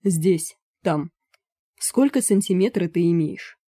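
Friendly foreign man with broken grammar, read by a woman, mellow tone, raised voice. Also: fairly low pitch, lively intonation, takes it slowly, no echo, clean studio sound. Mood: insistent. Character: Danish foreign man, eager, broken speech.

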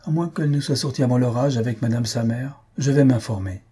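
A man's voice: mid-range voice, a little fast, warm tone, breathy edge, natural voice. A man voicing a naive, eager young pharmacy student in a storybook reading, with a raised, apologetic voice. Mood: earnest.

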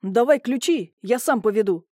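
A woman voicing a devoted husband, an army major, who speaks softly and tries to calm his wife. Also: on the high side, normal speed, dry recording, studio quality. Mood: alarmed. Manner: soft, placating.

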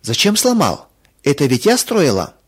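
A man voicing a lively young girl who is quick to temper, his voice pitched up. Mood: angry. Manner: raised pitch, emotional swings.

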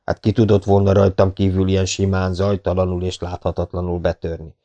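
A man doing a courteous gentleman burglar. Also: low voice, completely flat delivery, dull audio. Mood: chatty. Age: 40s. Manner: courteous, chatty, self-deprecating. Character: middle-aged gentleman burglar, friendly, polite, cheerful. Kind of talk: audiobook character voice.

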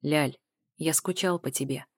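A woman voicing a brooding, possessive man who speaks calmly and steadily in an audiobook. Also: lowish voice, fairly quick, dry recording, clean studio sound, close to an everyday voice. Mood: intimate. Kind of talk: audiobook character voice.

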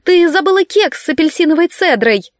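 Storybook figure: a loud, bossy, fussing woman friend, as a reader puts her on, high and pushy. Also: animated, normal speed, dry recording, studio quality. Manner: loud, insistent.

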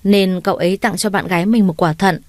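A woman's voice: medium pitch, steady tone, fairly quick, no room sound, close to an everyday voice. A woman voicing a polite, eager young male doctor in an audio story, in a dry, close recording. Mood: earnest.

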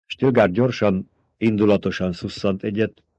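A man calmly reading a novel aloud as narrator. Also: fairly low pitch, no echo. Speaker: audiobook narrator. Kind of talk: scripted narration. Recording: dull, dry recording.

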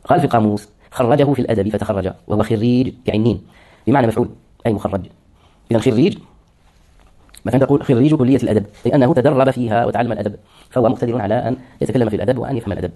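A male lecturer talks through definitions at a rapid clip. His voice is dark and mellow. He keeps asking rhetorical questions and answering them himself. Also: medium pitch. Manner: explains terms, asks and answers his own questions. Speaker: lecturer in hadith sciences. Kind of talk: classroom lecture.

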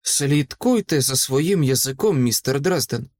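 A man's voice: medium pitch, animated, a little slow, a little mellow, no echo, studio quality, natural voice. A man voicing a devout, stern woman in labor, strained and pleading.

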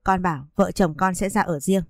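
A woman's voice: on the low side, normal speed, no room sound, clean studio sound, faint music behind. A woman voicing an earnest young husband who pleads with his mother to defend his wife. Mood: pleading.

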